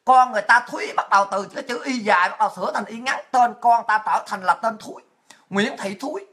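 A woman's voice: on the high side, bright, forceful tone. A woman, telling a crude, mocking story and ranting at her viewers in a monologue full of profanity.

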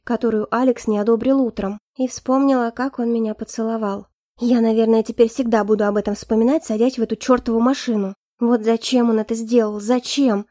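Woman reading a story in first person, kinda snarky, warm highish voice, dead dry mic. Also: dry recording. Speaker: audiobook narrator. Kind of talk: first-person audiobook narration.

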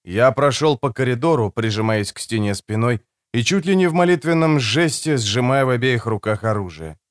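A man narrating a first-person action story with tense, dramatic delivery. His voice sits in a middle pitch but moves a lot, and the studio sound is close and dry. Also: animated, normal speed, smooth, dry recording. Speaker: audiobook narrator.

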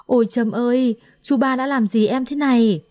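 A woman's voice: mid-range voice, a little slow, mellow, lightly acted. A woman voicing a fussy, theatrical older sister-in-law who wails dramatically in a storybook reading. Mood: wailing. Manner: wailing, dramatic.

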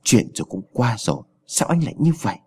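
A man's voice: big pitch swings, fast talker, dark tone, slightly rough. A man voicing a worried young village wife who scolds her husband in a raised, anxious voice. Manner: anxious, pleading, raised pitch.

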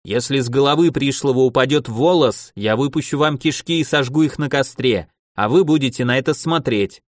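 A man voicing a scheming, commanding female nomad chieftain who talks in slow, drawn-out demands. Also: medium pitch, no echo, studio quality, voice pushed up, natural voice. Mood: threatening.

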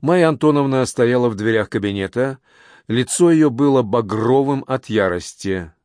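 A man narrating an audiobook in an even storytelling manner. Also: mid-range voice, normal speed, no echo, studio quality. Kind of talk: scripted narration.

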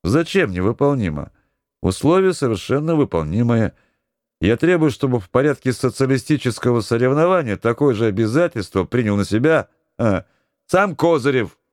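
A man voicing a confident young sailor who speaks in a measured, ironic, firm way. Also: mid-range voice, big pitch swings, a little mellow, dry recording, clean studio sound, pitched above the performer's own voice, lightly acted.

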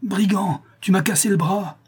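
A man's voice: mid-range voice, expressive, brisk, warm tone, husky. A man reading an audiobook, voicing a drunk, violent young bandit who snarls threats at his brother. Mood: furious.

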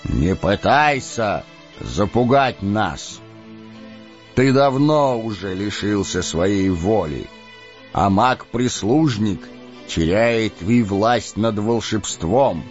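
A male narrator voicing a stern, wise old male wizard who speaks in a booming, deliberate way. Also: lively intonation. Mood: commanding. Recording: dull lo-fi audiobook with faint music.

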